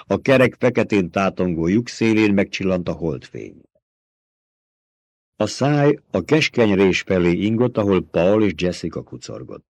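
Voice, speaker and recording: A man reading an audiobook aloud with dramatic, tense storytelling that drops to a hush at times. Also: sits low, expressive, no echo. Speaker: audiobook narrator. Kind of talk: scripted audiobook narration.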